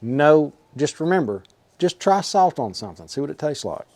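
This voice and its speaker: Hosting a home cooking vlog, this man chats to the camera in a relaxed, folksy way as he cooks, his fairly high, somewhat dark voice moving at a normal, sing-song pace. There's no echo, just the clear sound of food frying on a grill.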